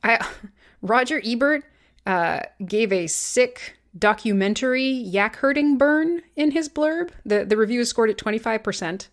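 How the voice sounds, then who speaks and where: A woman co-hosts a laid-back podcast in a fairly high voice at a measured pace. Wry and sarcastic, she reads critics' blurbs aloud and pokes fun at them, keeping things loose and conversational.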